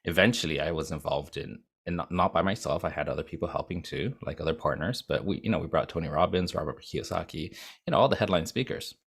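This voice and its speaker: A video agency founder from Japan, speaking with an American accent, tells his story as an interview guest. His deep voice is fast, gravelly, a bit bright and slightly rough, and he rambles with many fillers and restarts.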